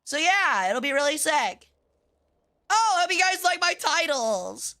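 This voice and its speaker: A woman with a very high, bright voice chats on a game livestream. She has a cute anime streamer persona and talks playfully to her audience. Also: very animated, a little slow.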